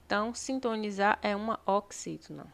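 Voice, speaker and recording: A Brazilian woman teaches an exam-prep lesson at a steady, explanatory pace. She walks through each option and keeps checking that students follow. Her voice sits in an ordinary middle register. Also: mid-range voice, moderate pace, vocal fry. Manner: explanatory, frequent tag questions.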